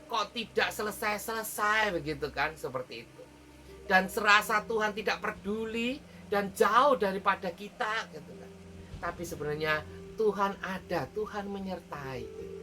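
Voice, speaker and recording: A woman with an Indonesian accent and a lowish, pushed, bright voice gives a devotional sermon at a morning prayer meeting. She talks loosely and conversationally, with many filler tags and hesitations.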